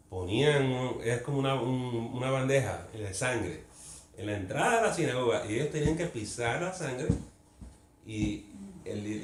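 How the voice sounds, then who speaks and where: A man teaching a Bible study group in an earnest, conversational way, often turning to them with questions and slipping in English words. His voice sits at an ordinary middle pitch. The recording is roomy and echoey, with a faint murmur of ambience behind him. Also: slight background noise. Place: church meeting room.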